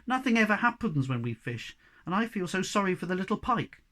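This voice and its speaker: A man reading a storybook aloud, voicing a soft-hearted young female Snork maiden who talks in a slow, wistful way. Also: sits high, big pitch swings, voice pushed up, full character voice.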